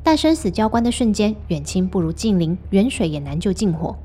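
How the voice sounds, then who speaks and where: Brief: female host, husky voice, scripted true-story narration, measured delivery. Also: medium pitch, lively intonation, mellow, soft background music.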